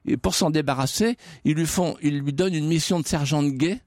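A man's voice: fairly high pitch, fairly quick, darkish tone, no echo, studio quality. A man, a guest historian on a radio show, telling history dramatically with rhetorical questions and repetitions. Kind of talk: dramatic storytelling in radio interview. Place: radio studio.

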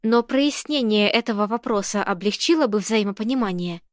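A woman reading the lines of a cool, ironic woman who speaks slowly, calmly and precisely. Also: medium pitch, dry recording, clean studio sound, lightly acted.

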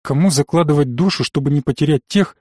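A man with a fairly high voice narrates a first-person fantasy audiobook. His delivery is measured and tense. The recording is close and dry, with no room sound. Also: darkish tone, husky, no echo.

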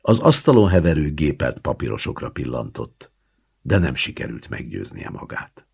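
Man reading a short story, super low husky voice, swings up and down a lot. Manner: expressive, dramatic reading with hushed asides. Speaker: audiobook narrator. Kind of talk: literary audiobook narration.

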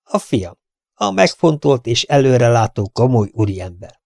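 Man voicing a grumpy old English gentleman. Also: mid-range voice, lively intonation, no room sound, clean studio sound, natural voice. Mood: grumbling. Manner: blustering, exasperated. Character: grumbling old English gentleman, quick-tempered.

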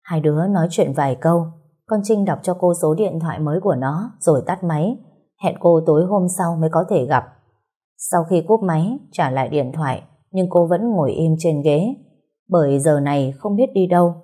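A woman reading a story aloud in a calm, steady, gently sad way. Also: deep voice, moderate pace, breathy edge. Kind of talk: scripted story narration.

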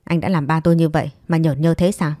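A woman's voice: low voice, steady tone, quick pace, dark tone, no echo, clean studio sound, natural voice. A woman voicing a resolute young mother in a read-aloud story, firm and earnest.

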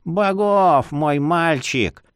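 A man voicing a jovial, wheedling old male librarian with a creaky, cackling voice. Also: a little high, extremely slow, dry recording, clean studio sound.

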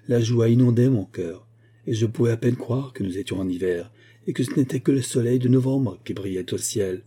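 A man's voice: a little fast, mellow, breathy edge, lightly acted. A man voicing a melancholy young bride speaking wistfully in a storybook reading. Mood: wistful sad. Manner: wistful, melancholy, raised pitch. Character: young anxious bride on wedding morning.

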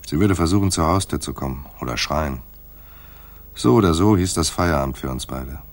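In a radio crime drama, a male actor plays a world-weary, sardonic private detective who also narrates. His very deep voice has lively intonation and a moderate pace, and his delivery is dry, wry and clipped, giving the narration a brooding mood.

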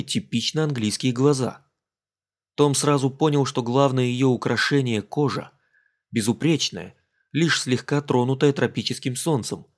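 A male audiobook narrator telling a sea adventure in a steady, even way. His voice sits in a middle register. The reading is scripted and measured. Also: mid-range voice.

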